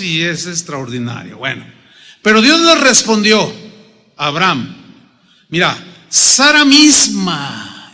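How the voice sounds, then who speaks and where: A man with a Mexican accent preaching a sermon as pastor, humorous and animated, acting out little dialogues. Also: sits high. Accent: Mexican Spanish. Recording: long reverb of a big hall.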